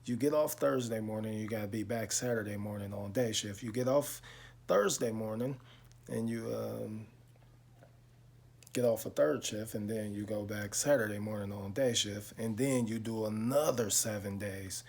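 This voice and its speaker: A man, talking slowly and reflectively to his viewers in a casual vlog, with lots of pauses and fillers. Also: on the low side, vocal fry, darkish tone, breathy edge. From Chicago. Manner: slow, reflective storytelling with many pauses and fillers. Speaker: car vlogger. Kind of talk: casual talk to camera.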